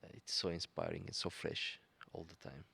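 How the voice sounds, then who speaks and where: Pianist guy, super low gravelly voice, keeps pausing w ums to find words. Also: steady tone, sharp tone. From Bulgaria. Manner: searching for words, many fillers. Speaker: guest pianist. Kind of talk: conversational interview.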